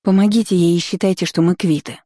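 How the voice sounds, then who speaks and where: A woman's voice: lowish voice, fairly even intonation, fast talker, mellow, no room sound, studio quality, lightly acted. A woman voicing a pleading young healer girl. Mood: urgent. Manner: pleading, urgent.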